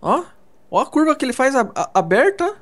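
A man's voice: extremely high pitch, big pitch swings, fairly quick. A man with a Brazilian Portuguese accent in casual gaming chat, playful and exclamatory, thinking aloud as he crafts. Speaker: gamer co-playing.

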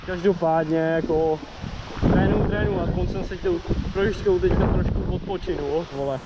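A man's voice: sits high, muffled recording. Young guy on a motorbike, helmet cam, swears a lot, wind blasting the mic. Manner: swearing, excitable, chatty. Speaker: motovlogger. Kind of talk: casual helmet-cam commentary. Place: outdoors riding a motorcycle. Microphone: helmet-mounted camera mic. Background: wind and motorcycle engine.

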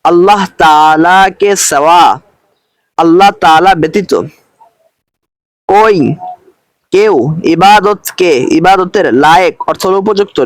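A man teaching a recorded lesson, explaining slowly and patiently and repeating each phrase with its translation. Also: sits high, no echo.

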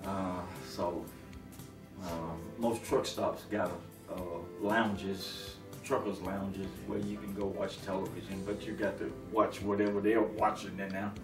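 A man's voice: low voice, level tone, unhurried. A middle-aged man, a long-haul truck driver, talking easygoingly in an interview with lots of fillers and restarts. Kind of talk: relaxed conversational interview. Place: living room, seated on a sofa. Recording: roomy, distant, with music underneath.

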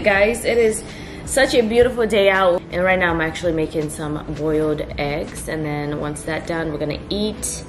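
A woman's voice: on the low side, a bit bright. A young woman talking to her camera in a casual, upbeat vlog while on a beach vacation, giving a tour of a rental house. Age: young adult. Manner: chatty, upbeat, talks straight to camera. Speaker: lifestyle vlogger.

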